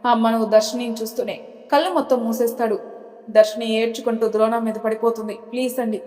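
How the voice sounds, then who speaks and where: A woman storyteller narrating a serial drama in a steady, dramatic way. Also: on the high side, fairly quick. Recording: long reverb.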